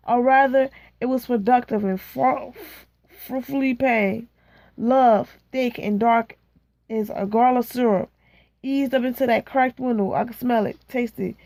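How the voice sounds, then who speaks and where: A woman reading a novel aloud in a slow, measured way, stopping now and then to chat casually. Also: on the high side, darkish tone, dry recording. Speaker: reader.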